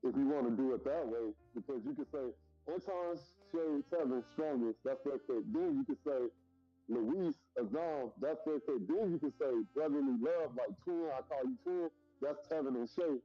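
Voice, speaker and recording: A man's voice: mid-range voice, normal speed, faint music behind. Man with a muffled call mic. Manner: laid-back, lays out points step by step. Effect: muffled voice over an online call. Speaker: co-host of a comics review stream. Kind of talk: casual group discussion. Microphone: online voice call.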